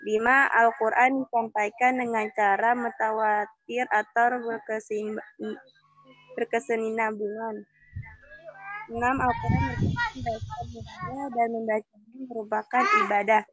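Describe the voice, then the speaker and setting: A female student reads numbered points aloud steadily, pausing to fix a slip. Her voice sits a little high. The audio is dull and lo-fi. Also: fairly bright tone, dry recording. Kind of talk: reading a summary aloud.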